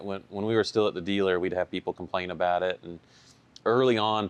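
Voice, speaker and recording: Deep-voiced man giving a casual tech talk. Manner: relaxed, conversational, with many fillers. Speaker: shop owner presenting a tech session. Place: event room.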